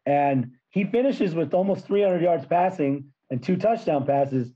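A hoarse man who has lost his voice from yelling, hosting a casual sports podcast in a blunt, frustrated way. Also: a little high, animated, a little slow, lo-fi sound.

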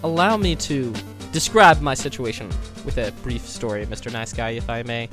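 A man's voice: medium pitch, moderate pace, over music. A man co-hosting a podcast with wry, wordy, mock-formal storytelling, under the weather with a scratchy throat. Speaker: podcast co-host. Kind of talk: casual comic storytelling on a podcast.

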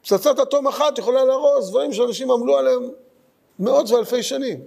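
A man's voice: extremely high pitch, creaky, a little mellow. A man teaching a Midrash study lesson, thinking aloud in short, searching phrases. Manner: thoughtful, searching for words, speaks in short phrases. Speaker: Torah teacher.

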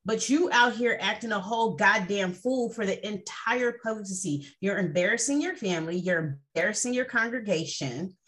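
Woman, podcast co-host, casual chat, blunt, emphatic, swearing, very animated pitch. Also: moderate pace, few pauses.

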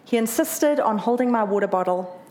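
A little quick and fairly high in pitch, a woman from South Africa earnestly describes her marathon run in her native accent. Emotion runs through it, and quoted lines come out lively.

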